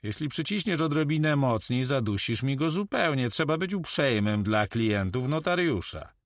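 A man's voice: mid-range voice, big pitch swings, normal speed, no echo, pitched above the performer's own voice. Guy doing a cheeky pirate sidekick, teasing tone, dry close sound. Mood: mocking. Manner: teasing, jovial. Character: sly, mocking male pirate servant.

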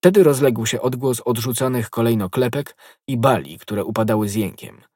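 A man narrating an audiobook in a steady, measured reading voice. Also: medium pitch, slightly rough, dry recording. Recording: dry close studio voice.

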